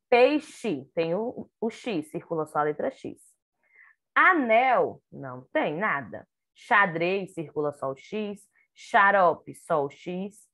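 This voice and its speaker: A woman teaching an online phonics lesson to young children, sounding out syllables slowly and praising often. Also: medium pitch, a bit bright. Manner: slow, drawn-out syllables, sounding out words. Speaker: preschool teacher.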